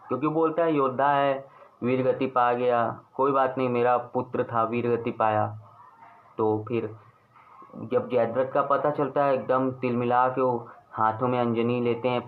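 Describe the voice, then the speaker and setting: A man casually retelling an epic story, acting out the quoted lines with lively energy. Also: mid-range voice. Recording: tinny phone-like sound with faint ambient noise.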